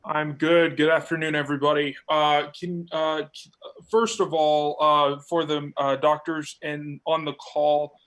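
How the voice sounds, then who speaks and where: A man, a newspaper reporter, asking questions at a briefing with halting restarts. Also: a little high, little pitch movement, a bit bright, poor audio. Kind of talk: press conference questions.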